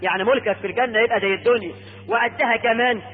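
A male Egyptian preacher giving a sermon, telling the story with drawn-out, emphatic lines. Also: extremely high pitch, slightly rough, narrow, tinny audio. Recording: echoey hall over radio broadcast.

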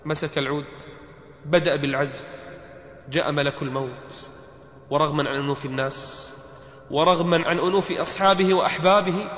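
A man's voice: fairly high pitch, fairly bright tone. A man preaching a sermon in a dramatic manner, sometimes chanting verses in a melodic recitation. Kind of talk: sermon on death. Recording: echoey reverberant hall.

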